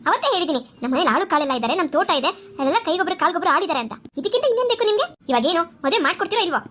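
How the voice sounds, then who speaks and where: A woman voicing a haughty, indignant middle-aged mother of the groom in a cartoon, scolding in a quick, sharp voice. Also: extremely high pitch, lively intonation, a little hiss or hum. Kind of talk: cartoon voice acting.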